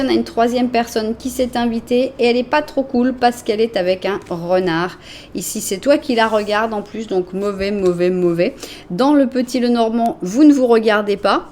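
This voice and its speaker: A woman's voice: on the high side, darkish tone, slight background noise. A woman from France, in her forties, doing a chatty, reassuring tarot card reading and narrating each card as she draws it. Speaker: tarot reader.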